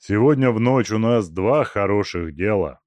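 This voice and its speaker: A man reading an audiobook, voicing a brutal, mocking male robber chief in a loud, gruff, taunting voice. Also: lowish voice, lively intonation, normal speed, no room sound, natural voice. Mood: gruff, brooding. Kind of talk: audiobook character voice.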